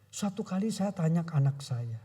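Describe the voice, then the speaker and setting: A man in his seventies, a pastor telling a personal story in a sermon, moving between hushed retelling and raised preaching. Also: fairly high pitch, animated, normal speed, slightly rough. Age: 70s. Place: church sanctuary. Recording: long church hall reverb.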